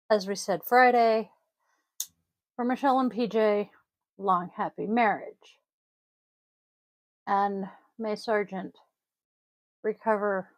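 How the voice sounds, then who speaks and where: A woman with a wheezy voice chats casually to viewers as host, rambling in a halting, self-deprecating way. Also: mid-range voice, no room sound. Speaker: host of a divination vlog. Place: indoors at a desk.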